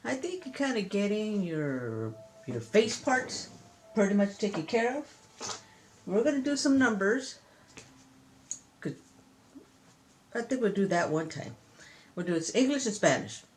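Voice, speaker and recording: A woman's voice: medium pitch, big pitch swings, measured pace, pauses often, a little hiss or hum. An older woman, a grandmother, chatting and teaching counting to a grandchild on a phone video. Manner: warm, chatty, sing-song counting.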